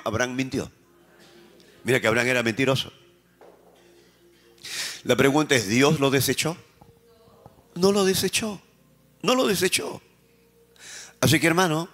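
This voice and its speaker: A Peruvian man preaching a sermon as a pastor. He fires questions at the congregation, answers them himself, and swings between raised emphatic lines and quiet, slowed phrases. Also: on the high side. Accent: Peruvian Spanish.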